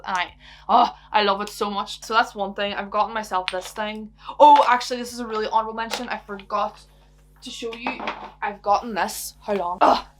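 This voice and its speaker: A young Irish woman with a Donegal accent chats to her camera in a cosy home vlog, answering viewer questions as a YouTuber. Bubbly and giggly, she rambles happily and drops in the odd swear. Her voice sits at an ordinary pitch for a woman.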